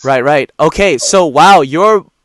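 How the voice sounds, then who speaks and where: A man acting as game master, improvising narration for a tabletop game in halting, hesitant phrases. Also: a little high, no echo.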